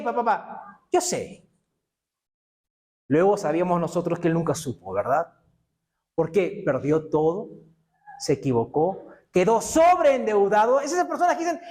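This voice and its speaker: A man's voice: sits high, a little mellow. A male pastor preaching a sermon, asking rhetorical questions and answering them himself.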